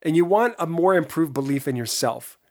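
A man with a hoarse voice giving an earnest, emphatic motivational podcast monologue, talking straight to listeners. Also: on the high side, animated, brisk. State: hoarse voice from being run down. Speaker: podcast host.

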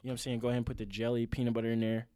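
A man's voice: mid-range voice, monotone, rapid-fire, warm tone, smooth, no room sound, studio quality. A man co-hosting a podcast in casual banter with friends, talking like a brash frat bro with teasing, slang and swearing. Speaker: podcast co-host.

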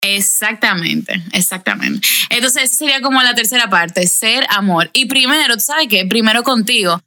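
Bright earnest woman. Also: on the high side, lively intonation, normal speed. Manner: reflective, earnest, talks in repeated phrases with restarts. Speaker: podcast guest. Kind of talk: video call conversation. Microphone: video call.

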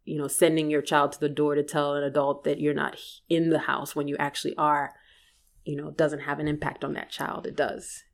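A woman from Liberia, an author and academic, answering interview questions in an articulate, animated way and laughing readily. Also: deep voice, a little fast, vocal fry.

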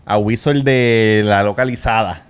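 A man's voice: lowish voice, fairly even intonation, normal speed, clean tone. A man with a Puerto Rican accent, co-hosting a podcast and telling stories in loose, profane chat. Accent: Puerto Rican Spanish. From Puerto Rico. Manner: storytelling, laughing, swearing freely. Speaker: podcast co-host. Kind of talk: casual chat.

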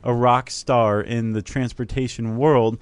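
A man with a mid-pitched voice co-hosts a casual podcast and explains ideas at length. He talks chattily and thinks aloud as he goes. The recording is close and dry. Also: steady tone, unhurried, clean tone, no room sound. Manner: explanatory, chatty, many fillers and restarts. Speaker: podcast co-host. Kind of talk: casual chat.

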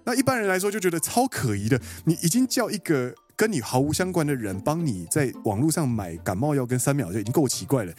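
Fast, animated Taiwanese man telling a story. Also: mid-range voice, soft background music. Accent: Taiwanese Mandarin. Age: 30s. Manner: animated, quotes people and acts out dialogue. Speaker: podcast co-host. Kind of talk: casual storytelling chat.

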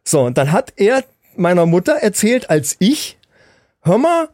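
A man hosting a podcast in casual chat, telling a story with lively energy and acting out the voices of the people in it. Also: high voice, normal speed, no room sound, studio quality. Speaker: podcast host.

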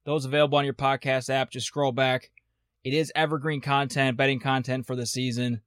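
A man's voice: medium pitch, little pitch movement, brisk, a bit bright, no echo, clean studio sound. A man co-hosting a casual sports betting podcast, blunt and teasing, with wry sarcastic jabs at his partner. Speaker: podcast co-host.

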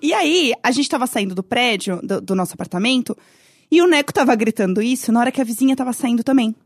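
A woman from Brazil in her thirties, co-hosting a podcast and telling stories with lively laughs and shrieks. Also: fairly high pitch, fast, no echo, clean studio sound. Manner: animated storytelling, shrieking laughs. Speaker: podcast co-host. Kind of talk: casual chat.

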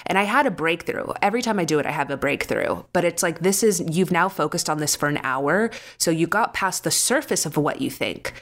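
Woman, podcast co-host, slightly low pitch, candid storytelling, expressive, laughs easily. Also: fairly quick, hardly any pauses. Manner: open, expressive, laughs often.

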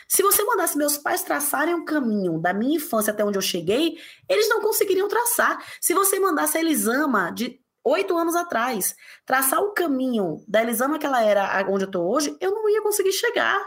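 A woman from the interior of Bahia, speaking as a guest in an interview in an emphatic, passionate way with big pitch jumps. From interior of Bahia, Brazil. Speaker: guest, parenting author. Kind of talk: conversational interview.

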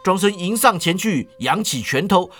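A man telling a martial-arts story in a lively manner, adding drawn-out particles to the ends of his phrases. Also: high voice, faint music behind. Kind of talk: wuxia storytelling.

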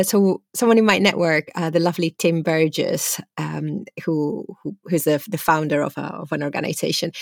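A woman's voice: on the low side, dry recording, clean studio sound. A woman chatting casually as the co-host of a podcast.

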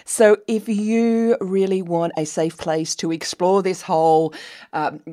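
A woman hosting a casual live online interview, chatty and quick to laugh. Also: fairly low pitch, steady tone. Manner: chatty, warm-hearted asides, laughs often. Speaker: interview host. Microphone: webcam on a video call.

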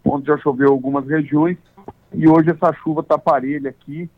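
A man from Santa Catarina, speaking over a landline phone as a farm association president in an interview, plain-spoken with halting restarts. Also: on the high side, fairly even intonation, no room sound. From Santa Catarina, Brazil. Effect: over a landline phone line. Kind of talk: phone interview, casual explanation. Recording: tinny dry phone line.

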